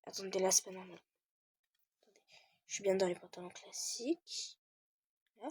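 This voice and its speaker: A woman's voice: medium pitch, steady tone, moderate pace, a little mellow, breathy edge, no room sound. A teenage girl giving a casual screen-recorded game tutorial, hesitating often with fillers while she searches.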